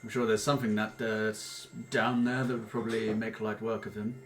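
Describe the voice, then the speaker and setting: A powerful, haughty keeper of treasure played by a man at a game table speaks in a fairly low voice. The delivery is formal, curt and condescending, with menace underneath. Faint music plays behind. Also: level tone, fairly quick, a bit bright, lightly acted. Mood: dismissive, sardonic.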